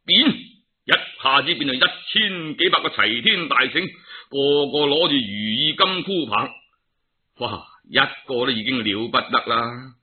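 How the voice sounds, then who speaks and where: A man with a Cantonese accent telling a traditional tale in a dramatic, theatrical and colloquial storytelling style, full of exclamations. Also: on the high side. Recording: narrow, tinny phone-like sound.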